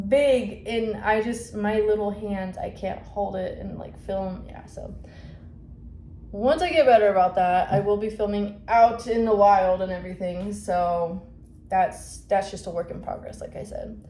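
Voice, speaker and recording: A woman's voice: mid-range voice, measured pace, dark tone. A woman chatting casually in a vlog about her shop, rambling with lots of fillers and self-corrections. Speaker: shop owner vlogger. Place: indoors at home, upstairs. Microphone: phone or camera mic. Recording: echoey room, faint background noise.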